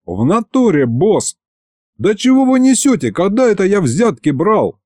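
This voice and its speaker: A man's voice: sits high, sing-song, measured pace, a little mellow, no room sound, studio quality, pitched above the performer's own voice, exaggerated voice. A man voicing a touchy male demon who runs the city police and talks in thuggish street slang. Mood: outraged.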